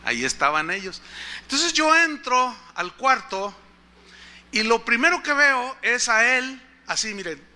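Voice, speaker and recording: A man's voice: very high-pitched, big pitch swings, a little slow, sharp tone. A man preaching a sermon as pastor, telling a story and asking the congregation questions.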